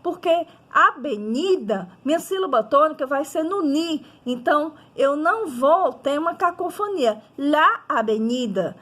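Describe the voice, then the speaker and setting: Brazilian woman as a language teacher, high voice, slow and methodical, keeps checking in with her class. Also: animated. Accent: Brazilian Portuguese. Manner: methodical, asks and answers own questions; checks in with listeners often. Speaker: Spanish teacher. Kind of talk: recorded grammar lesson.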